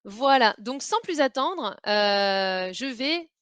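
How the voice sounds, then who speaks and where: A woman presenting a webinar on facilitation in a conversational, hesitant way, often pausing on filler sounds. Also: fairly high pitch, expressive, fairly bright tone, clean tone, dry recording.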